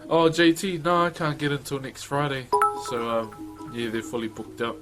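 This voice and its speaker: A man's voice: mid-range voice, fairly even intonation, normal speed, over music. A man with a broad New Zealand accent chatting casually to viewers as a live streamer, laid-back and slangy. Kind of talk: casual livestream chat with viewers.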